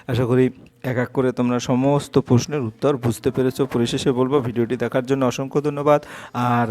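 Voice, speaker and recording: A man teaching a lesson. He counts aloud slowly, explains patiently, and mixes English phrases into his explanations. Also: medium pitch, darkish tone. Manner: switches between Bengali and English phrases.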